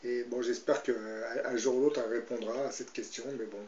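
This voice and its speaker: A man's voice: mid-range voice, fairly even intonation, moderate pace, crowd noise. A man giving spoken commentary and retelling a Bible story, hesitant, with constant fillers and tag questions. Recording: roomy, slightly dull sound.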